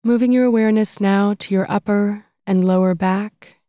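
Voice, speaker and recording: A woman with a soft voice narrating a guided body-scan meditation in a calm, soothing, unhurried way, leaving long pauses between phrases. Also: medium pitch, dry recording, clean studio sound.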